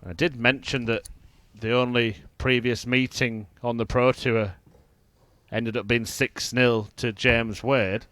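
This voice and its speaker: A man giving live darts commentary in measured, analytical short observations. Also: mid-range voice, level tone, a bit bright.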